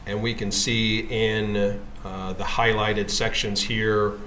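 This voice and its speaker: A man giving formal, matter-of-fact testimony as a witness, walking through records slide by slide in a measured way. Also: lowish voice, little pitch movement, a bit bright. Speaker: witness presenting records in court. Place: courtroom. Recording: echoey room with background noise.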